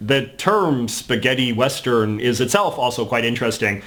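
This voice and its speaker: A man's voice: mid-range voice, expressive, moderate pace, fairly bright tone, faint music behind. A man narrating a video in a scripted, matter-of-fact way, telling travel anecdotes.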